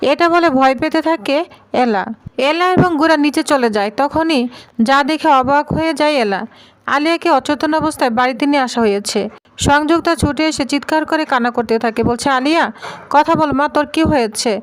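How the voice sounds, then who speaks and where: Woman narrating a tv serial story, high voice, reads all the lines pretty much the same. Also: brisk, no room sound, rough recording. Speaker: narrator retelling a TV serial episode. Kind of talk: storytelling narration with quoted dialogue.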